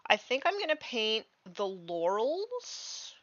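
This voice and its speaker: A woman in her thirties chatting casually on a live stream while painting miniatures, relaxed and full of fillers. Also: on the high side, takes it slowly, no echo, dull audio. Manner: relaxed and chatty, many fillers, baby-talks to her dog.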